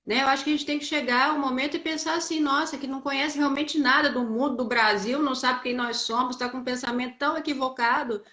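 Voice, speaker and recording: A woman's voice: high-pitched, fairly even intonation, fast talker, few pauses, sharp tone. Reflective Brazilian woman guest, echoey room. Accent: Brazilian Portuguese. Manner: reflective, explains at length. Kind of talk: casual live chat.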